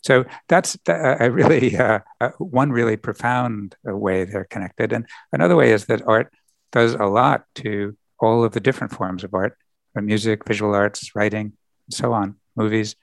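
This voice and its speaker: A man being interviewed as a podcast guest, explaining his work thoughtfully with frequent pauses. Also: lowish voice, gravelly, no room sound. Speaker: podcast guest, environmental lawyer. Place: lives in Britain.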